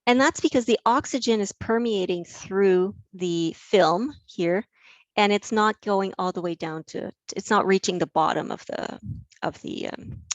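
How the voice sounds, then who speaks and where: A woman's voice: medium pitch, no room sound. A woman giving an enthusiastic live online lecture, with frequent fillers and restarts.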